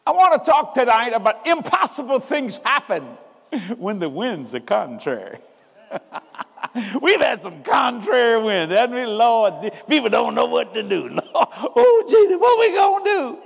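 Man, very high voice, sermon, call-and-response emphasis, long reverb. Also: sing-song, a little slow, gravelly, fairly bright tone, breathy edge. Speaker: preacher.

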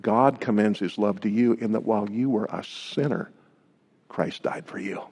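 A man's voice: fairly low pitch, moderate pace, creaky, a little mellow, slightly rough, big-room sound. A man preaching a sermon as pastor, reading scripture aloud and putting emphatic rhetorical questions to his listeners in an earnest manner.

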